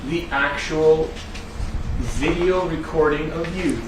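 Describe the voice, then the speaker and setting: A man cross-examining a witness in court, asking pointed yes-or-no questions in a measured way. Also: on the high side. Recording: very echoey, far from the mic, noisy.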